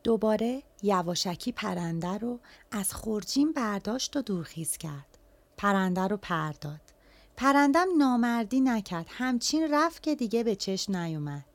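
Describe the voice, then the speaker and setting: A woman telling a folk tale in an animated, colloquial storyteller's voice. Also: medium pitch, no room sound.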